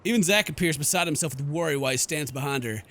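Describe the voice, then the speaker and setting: A theatrical, excitable man streaming a horror game, switching between dramatic read-aloud and jokey casual commentary. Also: a little high, fast talker. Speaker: gaming streamer. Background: game music.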